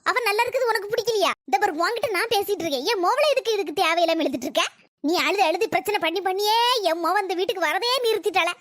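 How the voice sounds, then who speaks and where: A woman doing a shrill old mother-in-law. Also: quick pace, few pauses, fairly bright tone, no echo, clean studio sound. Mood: angry. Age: older. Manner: sarcastic, nagging, scolding. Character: bitter old mother-in-law, quarrelsome, self-pitying. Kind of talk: family quarrel skit acting.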